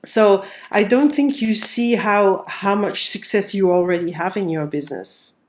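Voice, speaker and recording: Nasal from a cold, this tarot reader has a mid-range voice and a slightly slow delivery, with faint noise in the background. She reads casually, commenting on every card as it goes onto the table.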